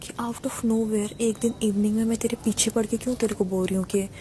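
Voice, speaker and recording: Animated, mellow-voiced woman telling a story. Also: fairly high pitch, fairly quick, a little hiss or hum. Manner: animated, mixes Hindi and English freely; acts out quoted dialogue. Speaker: reality show contestant. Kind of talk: casual chat, storytelling.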